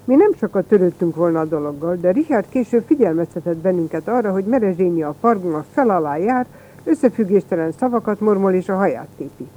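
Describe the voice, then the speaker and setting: A reader tells a first-person story in a plain, even way. The voice is mellow and dark, and the recording sounds slightly dull and lo-fi. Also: medium pitch, slight background noise. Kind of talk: storybook narration.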